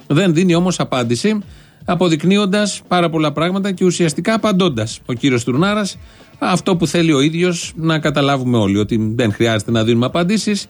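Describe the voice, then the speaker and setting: A man hosting a satirical show, giving ironic, mock-serious commentary and repeating phrases for effect. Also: fairly high pitch. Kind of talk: sarcastic commentary.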